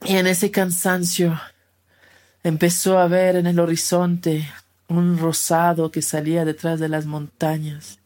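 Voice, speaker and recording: A woman telling a children's animal story slowly and expressively, repeating words for effect. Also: lowish voice, flat delivery, darkish tone.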